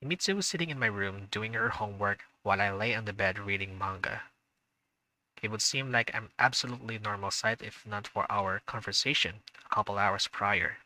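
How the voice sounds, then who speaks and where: Here the streamer's fairly low voice comes across brisk, bright and forceful, though the audio is poor. He reads the visual novel's narration and adds chatty asides, falling back on fillers whenever he's unsure.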